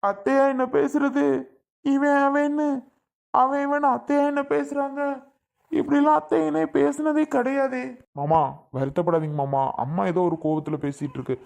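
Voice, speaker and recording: A man's voice: a little high, fairly even intonation, fast, mellow, lightly acted. A man playing a remorseful young man who pleads with his family and begs forgiveness, in a family drama skit. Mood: reproachful. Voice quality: earnest, pleading.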